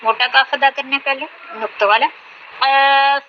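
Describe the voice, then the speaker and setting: A woman's voice: sits high, fairly even intonation, lo-fi sound, background noise. A young woman, patiently teaching Quran reading and stretching out each letter name with care. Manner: drawn-out, carefully enunciated letter names.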